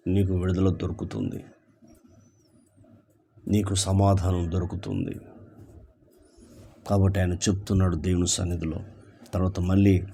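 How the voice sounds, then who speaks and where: A man with a Telugu accent preaches an evening sermon in a low, mellow voice. He reads scripture in a slow, emphatic way, repeating key phrases and pressing each line home to his listeners. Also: creaky, slight background noise. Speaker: pastor. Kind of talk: sermon reading and expounding scripture.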